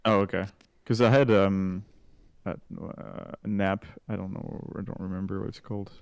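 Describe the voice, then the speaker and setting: Laid-back lowish-voiced sim racer. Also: male voice, fairly even intonation, normal speed, creaky, clean tone, no echo. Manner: laughing easily, swearing, filler-heavy. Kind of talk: casual chat on a voice call.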